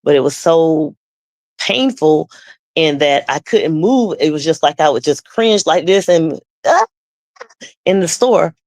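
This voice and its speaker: Gravelly woman telling a personal testimony. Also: sits low, animated, a little slow, a little mellow, dry recording. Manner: conversational, acts out quoted dialogue. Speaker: guest sharing a testimony.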